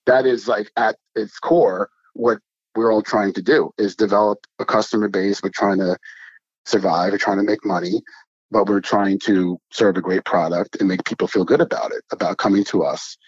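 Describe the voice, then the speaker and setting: A man's voice: lowish voice, steady tone, normal speed, breathy edge, no room sound, lo-fi sound. A man who co-owns a restaurant, answering interview questions in an earnest, emphatic way and building his points in lists. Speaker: restaurant co-owner.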